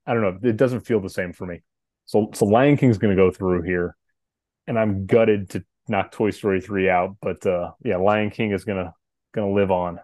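Man in his thirties, podcast co-host, thoughtful casual chat, low warm voice. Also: no room sound, studio quality. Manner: thoughtful, hesitant, restarts sentences.

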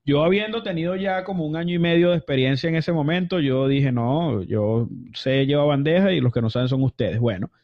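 A Venezuelan man, a guest in an interview, tells stories in a casual, chatty, rambling way packed with fillers and restarts. His voice is a little high and brisk, with few pauses. The audio is dull and lo-fi.

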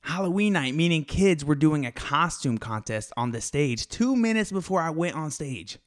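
A man's voice: fairly high pitch, animated, normal speed. A young man hosting a casual faith podcast, hyped and a little out of breath, rambling with lots of fillers. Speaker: podcast host.

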